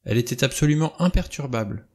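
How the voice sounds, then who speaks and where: A man reading a novel aloud, voicing a nervous, excitable young woman who is quick to cry out. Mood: tense. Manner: high-strung, quick to cry out.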